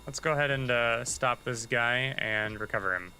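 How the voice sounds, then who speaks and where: A man's voice: medium pitch, normal speed, sharp tone, a little hiss or hum, rough recording. A man giving casual, chatty commentary while livestreaming a game, thinking aloud and muttering asides to himself. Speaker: livestreaming gamer.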